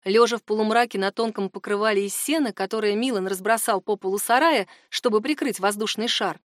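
A woman narrating an audiobook in a measured, even storytelling voice. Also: medium pitch, no echo, studio quality. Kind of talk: scripted narration.

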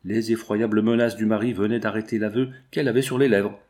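Low-voiced male audiobook narrator. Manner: measured, expressive storytelling. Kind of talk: audiobook reading of a classic novel.

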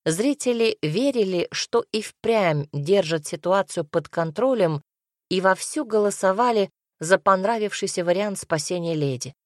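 A woman narrating a first-person fantasy audiobook with wry, lively storytelling. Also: medium pitch, unhurried, no echo, studio quality.

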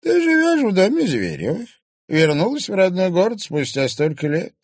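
A bitter old crone screeches and drags out her warnings in a high, strained voice. Her words are slow and full of spite. The recording is dry and close. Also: wildly swooping pitch, a little mellow, no room sound, full character voice. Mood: ominous. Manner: shrill, drawn-out, mumbling.

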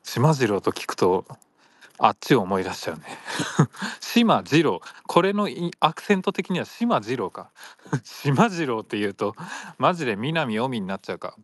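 A man's voice: medium pitch, big pitch swings, normal speed, no room sound. A man hosting a solo audio chat, rambling casually and playfully, laughing often and slipping into silly voices.

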